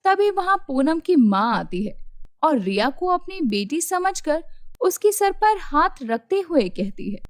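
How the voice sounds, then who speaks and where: A woman narrating a children's cartoon story in a steady storytelling way. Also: very high-pitched, unhurried, no room sound, studio quality.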